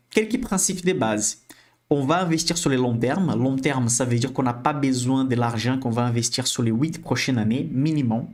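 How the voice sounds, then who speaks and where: A man's voice: mid-range voice, a little mellow. A man with a Brazilian accent hosts a live-streamed investing class, chatty and checking in with viewers as he explains. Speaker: financial educator hosting a live stream.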